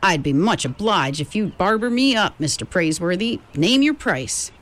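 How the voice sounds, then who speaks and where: A woman's voice: on the low side, big pitch swings, moderate pace. A woman reading an audiobook, voicing a talkative, eccentric male gold miner with a drawling frontier dialect. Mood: genial. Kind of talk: audiobook character voice.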